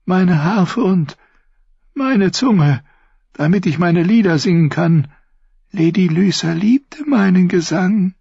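A man narrating takes on a blind, heartbroken singer with a high, husky, fragile voice, pleading and trembling. The storybook recording is dry and a little dull. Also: expressive, slow, mellow, dry recording, exaggerated voice. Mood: wistful. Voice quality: broken, near-whispered voice. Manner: pleading, tremulous. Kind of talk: audiobook character voice.

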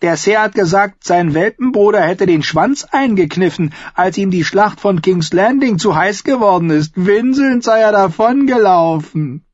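A man voicing a drunk teenage squire who taunts loudly in a high, shrill voice. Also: expressive, normal speed, hardly any pauses, no echo. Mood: mocking. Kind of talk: audiobook character voice. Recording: dull, lo-fi, dry.

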